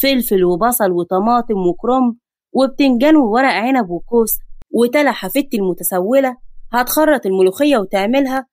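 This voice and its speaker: A gruff, bossy old Egyptian grandfather, put on by a woman telling the story, his voice pushed low and heavy as he barks orders and pokes fun at the family. The delivery is quick and comic, recorded close and dry in a storybook reading. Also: darkish tone, dry recording, close to an everyday voice. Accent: Egyptian Arabic.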